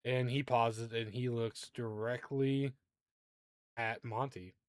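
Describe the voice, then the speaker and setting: A man's voice: mid-range voice, steady tone, slow pace. A man narrating as the game master of a tabletop game, often laughing at his players.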